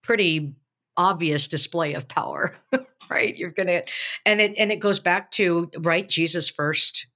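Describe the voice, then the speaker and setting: Woman on a video call chatting about scripture, bright clear voice, lots of um and you know as she works it out. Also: fairly low pitch, measured pace. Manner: thinking aloud, many restarts and fillers. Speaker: podcast co-host, preaching professor. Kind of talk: casual theological discussion. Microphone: webcam on a video call.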